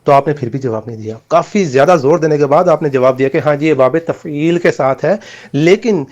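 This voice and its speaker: A man's voice: fairly high pitch, darkish tone, lo-fi sound. A man in a heated debate over voice messages, explaining his point steadily and accusing the other side.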